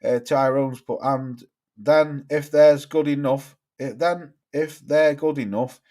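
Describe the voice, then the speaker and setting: A man's voice: medium pitch, steady tone, takes it slowly, darkish tone. A man hosts a casual live boxing chat. He reads viewers' comments aloud and answers them in a loose, rambling way. He swears freely as he talks. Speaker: boxing livestream host.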